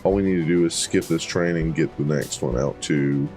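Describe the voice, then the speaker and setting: Deep mellow man voicing game dialogue. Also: steady tone, moderate pace, soft background music. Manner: reads every character's lines with playful voices and casual asides. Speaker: let's play host. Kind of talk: reading game dialogue aloud while playing.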